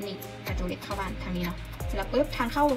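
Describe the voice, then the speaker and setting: A woman's voice: medium pitch, lively intonation, racing. Chatty young woman vlogger over music. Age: young adult. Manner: chatty, explains as she goes, many fillers. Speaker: interior designer vlogger. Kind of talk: casual vlog narration. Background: background music.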